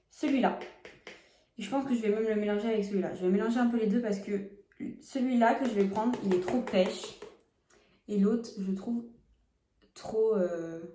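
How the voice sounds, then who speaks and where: In an echoey room, a young woman with a mellow, mid-range voice chats frankly with her viewers. The beauty vlogger is applying products for a casual makeup test vlog, shot on a phone camera at home.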